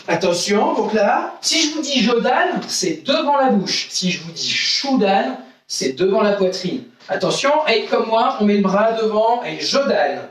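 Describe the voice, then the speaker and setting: A man's voice: high-pitched, a bit bright. A man teaching an online karate class to children, counting out exercises and often checking "d'accord?". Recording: echoey room, voice from mic distance.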